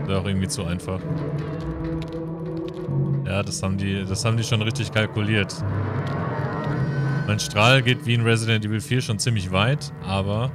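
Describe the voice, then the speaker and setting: A man hosting a let's play in casual, rambling commentary with English words mixed in. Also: fairly low pitch. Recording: loud game music behind. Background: loud video game music.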